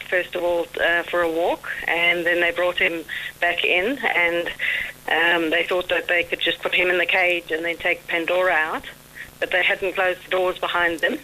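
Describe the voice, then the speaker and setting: A South African woman calls in to a radio show over a phone line. She tells her story haltingly and fills the pauses with ums. Her voice comes through bright, with faint hiss underneath. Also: lowish voice. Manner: hesitant, full of ums, laughs easily. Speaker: caller. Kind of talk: phone-in call.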